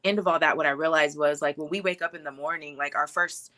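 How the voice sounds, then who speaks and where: Guesting on a talk show, a thirtysomething filmmaker who was born in Hawaii and grew up in Texas looks back on her life in a relaxed way. She talks fast in a low, steady, bright voice, sprinkling in fillers and quick laughs.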